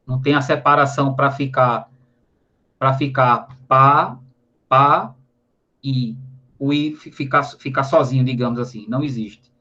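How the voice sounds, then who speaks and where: Bright and forceful yet steady in tone, a medium-pitched male voice moves at a moderate pace. It belongs to a Brazilian teacher with a Brazilian Portuguese accent, explaining grammar in a recorded online lesson with frequent tag questions and syllables spelled out. Slightly dull lo-fi audio.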